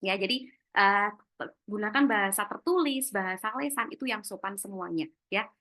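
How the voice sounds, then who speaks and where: A woman giving a career workshop talk in an online seminar, lively, acting out short example lines. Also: medium pitch, normal speed. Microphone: video call.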